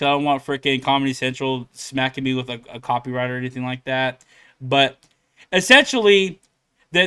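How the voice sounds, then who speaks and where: A man's voice: fairly high pitch, pushed and bright, clean tone. A young man hosting a reaction channel, rambling casually with many fillers and laughs. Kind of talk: casual commentary.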